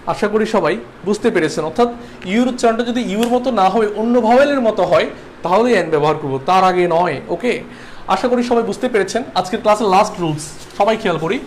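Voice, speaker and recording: A man's voice: high-pitched, slight background noise. A young man from Bangladesh teaching an online English exam-prep class, repeating rules and checking that students follow. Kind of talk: livestreamed exam-prep lesson.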